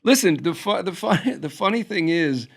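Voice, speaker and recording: A middle-aged man, a musician guest, telling stories in a casual interview with lively restarts. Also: high-pitched, moderate pace. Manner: animated storytelling with restarts.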